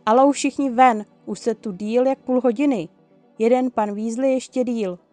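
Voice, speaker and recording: A woman voicing a stern, bossy school nurse who scolds loudly. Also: fairly high pitch, no echo, faint music behind, natural voice. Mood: scolding. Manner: loud and scolding.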